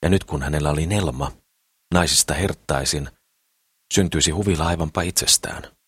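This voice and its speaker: Very deep, husky male audiobook narrator. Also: dry recording, clean studio sound. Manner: steady, measured reading. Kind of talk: scripted narration.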